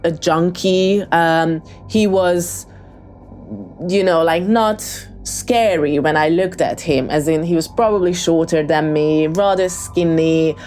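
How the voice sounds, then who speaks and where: Her voice on the low side with a darkish tone, a Hungarian woman slowly relates a true story in a voicemail. Faint music sits behind her as she hesitates, ums, and restarts.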